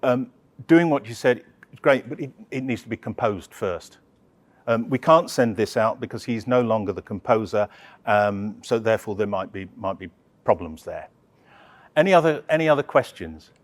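Male presenter, conversational Q&A, halting delivery with frequent restarts. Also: on the low side. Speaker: opera project presenter. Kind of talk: answering audience questions. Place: live talk session.

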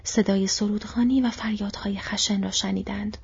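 A woman narrating an audiobook in a soft, hushed, near-whispered storytelling voice. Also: mid-range voice, steady tone, vocal fry, breathy edge. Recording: dull lo-fi recording.

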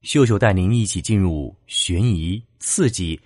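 A man narrating classic ghost tales in a dramatic, expressive storytelling style. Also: measured pace, no echo, studio quality. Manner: expressive, swinging pitch for drama.

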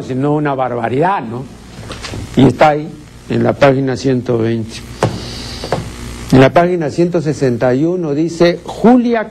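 Pedantic indignant man, slightly high voice. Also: a little mellow, slight background noise. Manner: pedantic, indignant, rhetorical questions. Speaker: critic. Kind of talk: critical commentary to camera.

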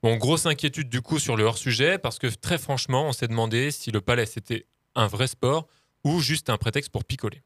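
A man reads scripted comic narration with dry irony. His voice is mid-pitched. The close studio sound has no room echo. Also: brisk, fairly bright tone. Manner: dry, ironic. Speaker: co-host narrator.

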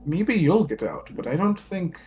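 A man's voice: sits high, big pitch swings, normal speed, a little mellow. A man playing a tabletop game, speaking in casual role-play dialogue. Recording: background music over the voice.

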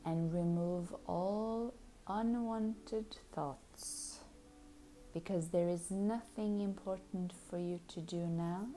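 A woman leads a hypnosis session in a very slow, unhurried drawl. Her voice is low-pitched and mellow, soft and soothing, with many phrases dropping into a breathy whisper. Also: slight background noise, poor audio.

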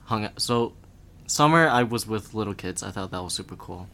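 A young man chatting casually as a podcast guest, talking in a relaxed, rambling way with lots of filler words. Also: fairly low pitch, moderate pace, vocal fry. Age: young adult.

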